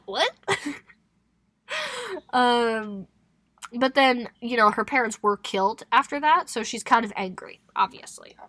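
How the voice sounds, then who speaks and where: A woman's voice: on the high side, no room sound. Laughing young woman recapping a book. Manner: laughing, animated storytelling with expletives. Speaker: podcast co-host. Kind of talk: casual book recap chat.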